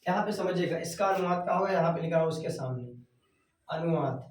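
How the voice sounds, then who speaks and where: A male teacher explaining Sanskrit verses at a board, slowly repeating words as he writes and chanting the verses. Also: on the high side, recorded from a distance. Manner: chants verses in a sung recitation. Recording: echoey room, voice off-mic.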